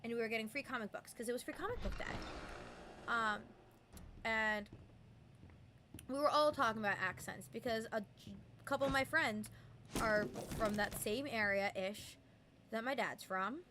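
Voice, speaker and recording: In a mid-range voice that's pushed and bright, a young adult game streamer rambles through casual chat at normal speed, leaving long pauses. Lots of "um" and "like" fill the talk, along with playful voices and mimicry, and a slight hiss or hum sits underneath.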